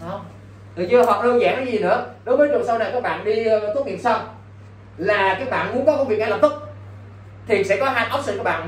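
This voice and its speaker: A male English teacher, giving an exam-prep lesson and constantly quizzing his students. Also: high voice. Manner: quizzing, keeps asking "got it?". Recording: roomy, distant mic, faint background noise.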